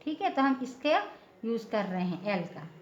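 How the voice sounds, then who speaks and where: A woman's voice: on the high side, big pitch swings, normal speed, a little hiss or hum. A woman teaching a patient, step-by-step lesson, often checking in with her listeners. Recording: echoey room, dull lo-fi sound.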